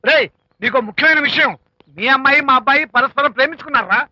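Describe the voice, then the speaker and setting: A brash middle-aged father in a film comedy, quick with threats and boasts. The voice is very high, bright and fast. The sound is dry and dull. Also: no echo, heavily acted. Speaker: comic film character, the groom's father. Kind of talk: Telugu film comedy acting.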